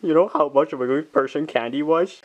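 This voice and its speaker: A man voicing a hot-tempered female plush chick in a comedy puppet skit, yelling accusations. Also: on the high side, a little fast, dull audio, close to an everyday voice. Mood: accusing.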